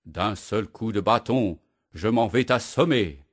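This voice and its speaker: A man voicing a big, blustering male woodcutter with a mustache, shouting indignant outbursts in a children's storybook reading. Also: on the low side, measured pace. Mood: vengeful.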